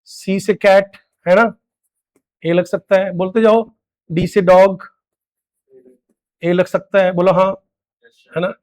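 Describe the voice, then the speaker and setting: Male teacher, high voice, lecture delivery that keeps quizzing the class. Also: little pitch movement, slow pace, pauses often, a little mellow. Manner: drills students with repeated questions, very high-pitched. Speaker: English grammar teacher.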